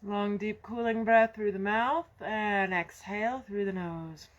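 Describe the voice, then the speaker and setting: A woman guiding a yoga breathing practice in a slow, soft, soothing way. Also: medium pitch, steady tone, muffled recording. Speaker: yoga instructor. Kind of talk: guided breathing instruction.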